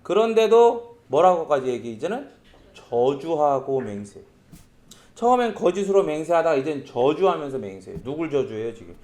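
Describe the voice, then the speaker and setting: A man preaching a sermon as pastor, speaking lively and acting out quoted lines in voices. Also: fairly high pitch, moderate pace. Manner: lively, acts out quoted speech in character voices.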